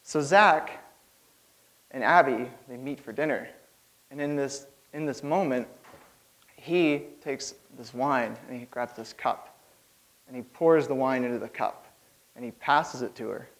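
A man's voice: mid-range voice, measured pace, pauses often, fairly bright tone, low-quality recording. A young man giving an informal church sermon, rambling nervously with lots of fillers and laughs.

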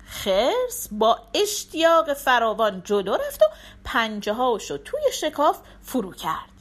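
Animated woman telling a folk tale. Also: a little high. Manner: expressive, animated. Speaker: storyteller. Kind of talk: storybook narration.

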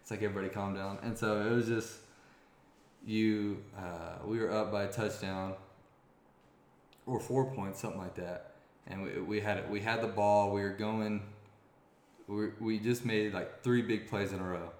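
A young man with a somewhat low voice tells a sports story in casual interview talk. He rambles and restarts often. The room around him rings with echo. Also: moderate pace. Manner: rambling, many restarts, grows excited. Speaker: former college quarterback guest. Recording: echoey room.

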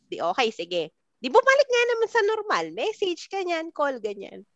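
A high-voiced woman tells a personal story in a casual chat. Her pitch leaps up and down as she acts out the messages she quotes, and her tone is bright and sharp. The sound is close and dry. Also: wildly swooping pitch, moderate pace, dry recording, dull audio. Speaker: podcast co-host. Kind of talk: casual storytelling among friends.

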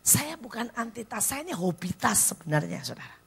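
A woman evangelist with an Indonesian accent preaching a blunt church sermon, dropping to hushed near-whispers and then rising to loud exclaims. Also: a little high, big pitch swings, a little fast, vocal fry, husky. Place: church service.

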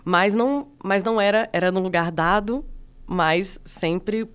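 A woman from Minas Gerais with a Minas Gerais accent, a guest artist telling stories in a reflective, casual interview with many pauses. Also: mid-range voice, smooth. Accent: Minas Gerais Brazilian Portuguese. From Minas Gerais, Brazil.

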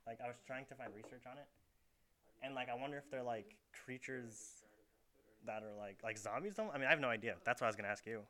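Quick-paced and pushed, this young man's bright mid-range voice carries a casual bedroom podcast picked up by an in-room camera. He chats loosely, telling rambling stories heavy on fillers.

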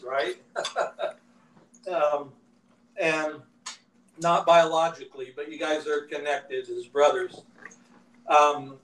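A man's voice: fairly high pitch, fairly bright tone. A man from a small group asking rambling, self-interrupting interview questions. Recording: distant, echoey mic with faint noise.

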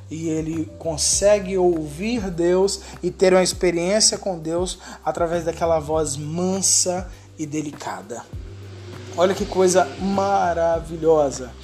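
A woman preacher delivers an emphatic sermon in a mid-pitched voice. She often slows and softens into hushed, tender passages. Faint music runs beneath her. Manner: emphatic, slowing to soft, hushed stretches.

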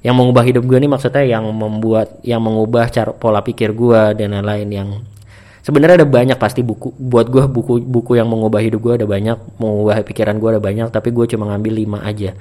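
A young man from Indonesia, talking to camera in a relaxed, chatty monologue full of fillers and restarts. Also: lowish voice, fast talker. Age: young adult. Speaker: vlogger. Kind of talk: casual monologue.

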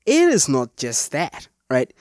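A man's voice: on the high side, wildly swooping pitch, slow pace, a little mellow, dry recording, clean studio sound. A man co-hosting a casual film review chat, speaking emphatically and opinionated with casual slang. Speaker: podcast co-host.

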